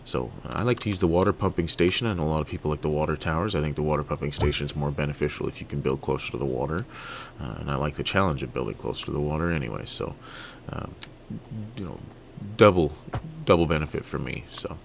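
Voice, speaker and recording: A man from Toronto giving relaxed, halting let's-play commentary on a city-building game, full of fillers and restarts. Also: a bass voice, creaky, a little hiss or hum. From Toronto, Canada. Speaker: gaming video creator.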